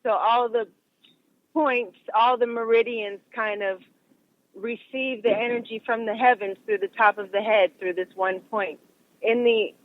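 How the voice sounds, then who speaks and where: A woman who practises massage talks in a calm, explanatory way as an interview guest, calling in on speakerphone while she drives. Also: on the high side, a little slow. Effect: speakerphone call from a car. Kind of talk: casual interview chat. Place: driving in a car. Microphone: phone on speaker. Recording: tinny dry phone line.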